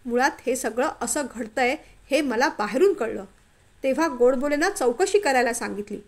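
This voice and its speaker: A harsh, furious office boss barking orders in a storybook reading, as a woman narrator puts him on. The voice sits high and loud, stern and accusing. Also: animated, moderate pace. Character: angry middle-aged male office boss, harsh.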